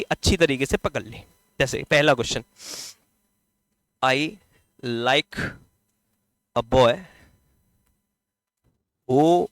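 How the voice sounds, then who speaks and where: High-voiced Indian teacher quizzing students. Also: male voice, a bit bright, no echo. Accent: Hindi. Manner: asks the class questions and answers them himself; stretches key words slowly while writing on the board. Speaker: English grammar teacher. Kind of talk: classroom lecture on articles.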